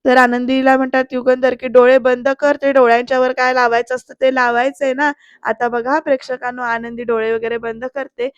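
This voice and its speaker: A woman retells a TV serial episode in a voice-over, quoting each character's lines one after another. Her voice sits high but stays fairly level in tone. The recording is dry and close. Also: little pitch movement, a little fast, smooth, no echo, lo-fi sound.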